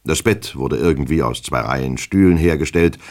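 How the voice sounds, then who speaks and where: A man reading a classic novel for radio in a measured, even storytelling manner. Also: extremely low pitch. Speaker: reader.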